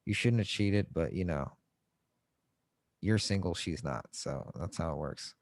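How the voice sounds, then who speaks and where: A man co-hosting a podcast in casual joking chat, swearing often and breaking into loud mock outbursts. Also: low-pitched, lively intonation, a little slow, vocal fry, no room sound. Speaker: podcast co-host.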